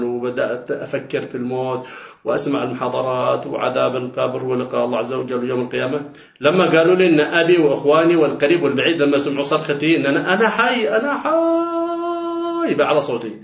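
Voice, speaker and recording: Fast-talking man, roomy phone recording. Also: medium pitch, steady tone, vocal fry, muffled recording. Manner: dramatic, repeats words for emphasis, pleading tone. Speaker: storyteller recounting a near-death experience. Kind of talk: emotional personal testimony.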